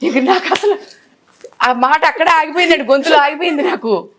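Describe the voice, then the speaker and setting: A woman's voice: high-pitched, fairly quick, a little hiss or hum. A woman in her sixties, an actress telling emotional stories of her film career in an interview, acting out what others said to her. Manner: animated, acts out others' words in quotes.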